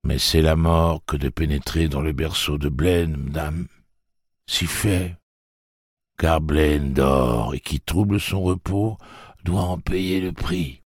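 A gloomy, dignified woman in a spoken story, solemn and mournful, barely lifted from the reader's deep, husky voice, as a male narrator puts her on. The room is dry and close. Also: fairly even intonation, takes it slowly, no echo, full character voice.

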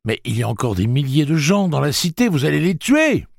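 A man's voice: animated, unhurried, no room sound, clean studio sound. A man voicing a fierce young woman who cries out in anguish. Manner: shrill, anguished crying out.

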